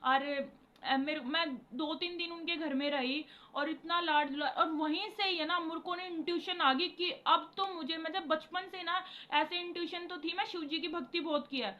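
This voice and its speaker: A woman's voice: very high-pitched, fairly even intonation, moderate pace, sharp tone, lo-fi sound. A young woman vlogger telling a personal story to camera in a rambling, emotional way, often repeating herself and calling her viewers guys.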